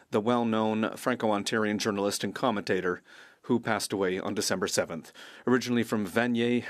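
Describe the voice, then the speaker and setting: A man's voice: on the low side, no room sound, clean studio sound. A man reading a formal parliamentary tribute as an interpreter.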